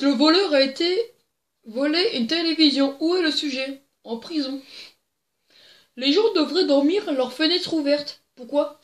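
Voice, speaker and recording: Giggly high-voiced young woman telling jokes. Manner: giggly, rambling, crude asides. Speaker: joke-telling video host. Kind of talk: casual joke reading to camera. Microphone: plugged-in desk microphone. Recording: echoey room.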